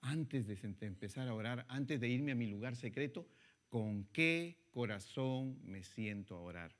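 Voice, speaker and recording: A male pastor in mid sermon, at an everyday middle pitch. He swings from loud, high exhortation down to quiet, low asides, keeps asking the listener direct questions, and slows right down to read scripture. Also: expressive. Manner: reads scripture slowly and deliberately.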